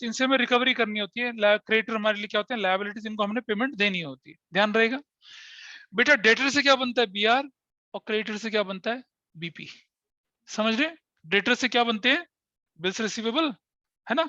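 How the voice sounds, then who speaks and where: A male teacher with a bright, forceful voice runs a class for students in the room and online, firing questions and drilling terms again and again. The sound is dry and a little dull, close and without room echo. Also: extremely high pitch. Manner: questioning, repeats key terms, checks if students follow. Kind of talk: classroom accounting lesson, mixing in English.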